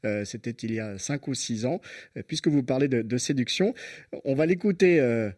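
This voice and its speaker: A man's voice: mid-range voice, animated, moderate pace, a little mellow, no echo, clean studio sound. A man hosting a radio interview, asking questions conversationally and searching for words. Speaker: radio host.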